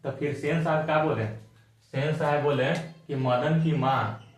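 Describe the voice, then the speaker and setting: A man's voice: a little high, steady tone, a little slow, slight background noise. Echoey male teacher. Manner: colloquial, repeats key points, asks and answers own questions. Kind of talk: exam-focused chapter explanation. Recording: echoey room.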